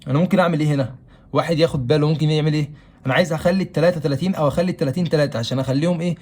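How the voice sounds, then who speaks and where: A man's voice: on the high side, fairly even intonation, very fast, a little mellow. A man with an Egyptian Arabic accent teaching a math lesson, who keeps asking questions aloud and answering them himself. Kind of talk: classroom-style math lesson.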